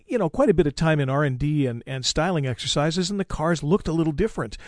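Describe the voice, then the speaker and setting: A man's voice: fairly high pitch, lively intonation, fast, dry recording, clean studio sound. An older man hosting a casual interview, chatty and conversational. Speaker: interview host.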